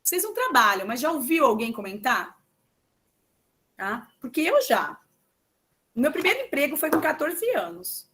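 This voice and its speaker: A woman teacher giving an exam-prep lesson, talking loudly and emphatically and checking in with her students again and again. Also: high-pitched, sing-song, normal speed, pauses often. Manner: loud, emphatic, full of "tá?" and "né?" checks.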